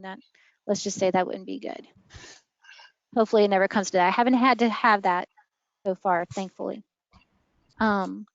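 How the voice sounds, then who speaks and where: A woman's voice: medium pitch, no echo. A woman training preschool teachers, explaining with friendly classroom examples. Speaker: early learning trainer. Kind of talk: online training session. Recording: dull dry lo-fi audio.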